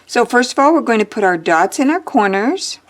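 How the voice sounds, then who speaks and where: A woman's voice: on the high side, very animated, fairly quick. A woman teaching a drawing lesson, chatting and thinking aloud as she draws, with the hiccups. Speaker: art teacher.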